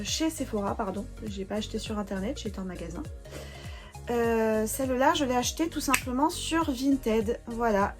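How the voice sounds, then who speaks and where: Chatty young woman showing beauty buys. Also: a little high. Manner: chatty, hesitant with many fillers, enthusiastic. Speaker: beauty vlogger. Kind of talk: casual haul video chat.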